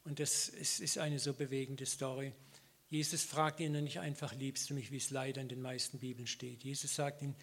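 A man's voice: mid-range voice, creaky, a bit bright, breathy edge. A middle-aged man preaching a sermon in an informal, conversational way, often ending phrases with a tag question and briefly voicing biblical figures.

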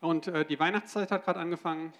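Male sermon interpreter, rapid delivery, slightly high voice. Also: fairly even intonation, fairly bright tone. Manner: rapid, with fillers and restarts.

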